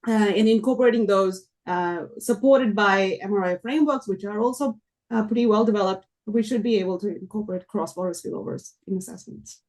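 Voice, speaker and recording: Woman panelist with a hoarse, failing voice. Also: mid-range voice, brisk, a little mellow. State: losing her voice, hoarse. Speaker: panel speaker, researcher. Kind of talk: answering questions at a workshop panel.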